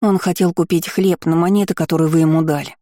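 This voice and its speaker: A man's voice: on the high side, fairly even intonation, fast, dark tone, no echo, clean studio sound, close to an everyday voice. A man doing a crying frightened little boy. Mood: distressed. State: crying, sniffling.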